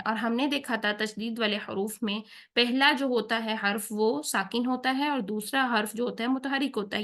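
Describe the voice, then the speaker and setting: A woman teaching tajweed, who explains each rule patiently, checks in with her learners often and slows down to recite the examples. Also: on the high side, a bit bright. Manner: patient, checks in with "theek hai?" after each point.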